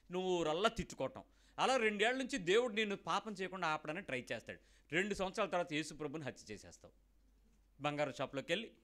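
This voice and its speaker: Bright-voiced preacher man, fairly high. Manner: asks the congregation many direct questions; acts out short quoted exchanges. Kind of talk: sermon. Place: church hall with children present.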